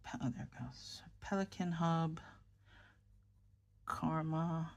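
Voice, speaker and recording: Writing in her notebook, a fountain pen vlogger from New York talks in a slow, low, creaky voice with a New York accent. The chat is casual and a little rambling, full of self-corrections and murmurs as she writes.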